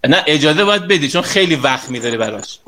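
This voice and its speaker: A man's voice: a little high, expressive, bright, forceful tone, a little hiss or hum. Chatty male trainer coaxing his class. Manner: chatty, coaxing, talks straight to students, teases lightly. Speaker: sales and communication trainer. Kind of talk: online class teaching.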